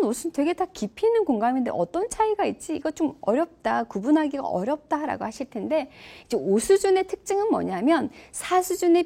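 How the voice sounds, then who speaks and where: A woman's voice: high-pitched, mellow. A middle-aged woman lecturing on levels of empathy, engaging listeners with questions. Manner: engaging, asks audience questions.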